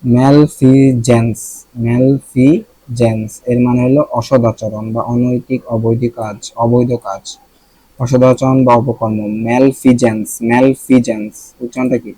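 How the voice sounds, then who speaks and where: Man teaching vocabulary, mellow dry voice. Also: mid-range voice, little pitch movement, moderate pace, breathy edge, dry recording, rough recording. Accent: Bangladeshi. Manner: repeats words to check pronunciation, thinks aloud. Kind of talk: casual vocabulary lesson.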